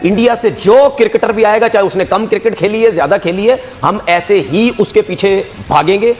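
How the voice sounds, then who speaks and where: A man's voice: high-pitched, brisk, faint music behind. A man giving blunt, scornful, opinionated commentary.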